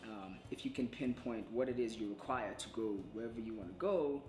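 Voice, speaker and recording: A man's voice: on the low side, fairly quick, a little mellow, roomy sound, faint music behind. A man answering interview questions in a thoughtful way, with many fillers and restarts. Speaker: entrepreneur and attorney.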